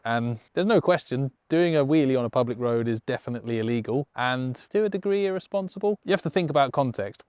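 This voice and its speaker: A man's voice: medium pitch, a little mellow, clear, resonant tone, no echo, studio quality. A man presenting a motorcycle tutorial, explaining in an enthusiastic, encouraging and conversational way. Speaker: motorcycle riding instructor and show presenter.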